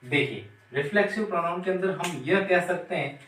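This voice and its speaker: A man teaching a grammar lesson, speaking slowly and repeating key terms as he asks the class questions. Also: high-pitched, a bit bright. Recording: roomy, from some distance.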